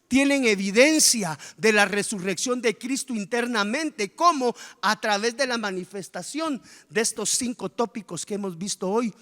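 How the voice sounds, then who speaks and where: Man, pastor, animated sermon, rhetorical questions, high voice, echoing church hall. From Guatemala.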